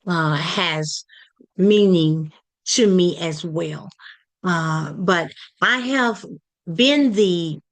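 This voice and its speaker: A woman from Texas, giving a halting community presentation full of fillers and restarts. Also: fairly low pitch. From Palestine, Texas. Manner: hesitant, many fillers and restarts. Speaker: community project leader presenting.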